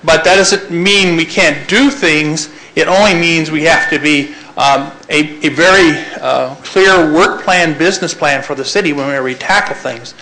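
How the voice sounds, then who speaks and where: A man moderating a civic meeting, his voice bright and a touch higher than most. He rambles and keeps restarting his phrases. There is a faint hum of room noise behind him. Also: measured pace, few pauses, rough recording. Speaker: city manager leading a public meeting.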